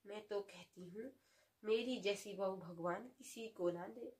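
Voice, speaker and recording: A woman's voice: medium pitch, a little slow, darkish tone, lightly acted. An actress playing a gossipy older mother-in-law who complains about her daughter-in-law in a comic sketch. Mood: complaining. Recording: roomy echo.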